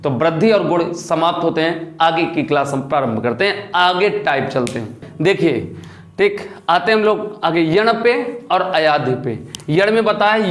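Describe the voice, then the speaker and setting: A man teaching a grammar lesson, often asking a question and then answering it himself. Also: high voice. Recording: echoey room.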